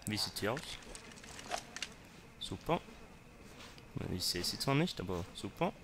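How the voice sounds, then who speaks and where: A man's voice: fairly low pitch, big pitch swings, unhurried, background noise. A man commenting on his gameplay, talking to zombies and to himself and swearing when startled. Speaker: let's player.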